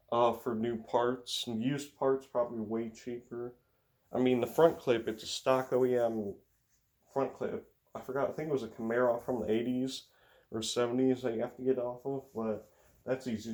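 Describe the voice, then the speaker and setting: This young racing vlogger from the U.S., a teen with an Upper Midwest accent, wanders through a loose monologue, stalling with fillers and sighs. His voice is mid-range and a little mellow.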